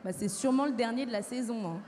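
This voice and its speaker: A woman's voice: on the high side, fast, darkish tone, natural voice. A woman acting a pessimistic, sarcastic young survivor prone to panic, in a live stage sketch. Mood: gloomy. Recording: reverberant hall.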